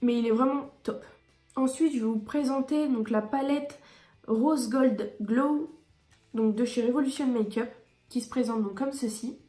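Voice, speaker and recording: A woman's voice: on the high side, measured pace, warm tone, echoey room, soft background music. A woman beauty vlogger reviewing her favourite products in a chatty, enthusiastic way with frequent hesitations.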